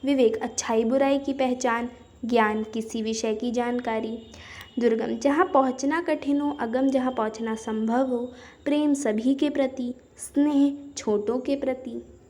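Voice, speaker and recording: A woman's voice: a little high, steady tone, a little slow, darkish tone. A woman teacher reading word pairs with their meanings and explaining them with simple example sentences. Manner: explains each word, then gives everyday example sentences. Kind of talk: Hindi grammar lesson, reading word lists.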